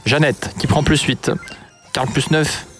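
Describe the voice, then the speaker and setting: A man's voice: medium pitch, fairly even intonation, slow, fairly bright tone, soft background music. A French man, a gaming YouTuber, commenting animatedly on opening loot boxes with mock outrage and exclamations.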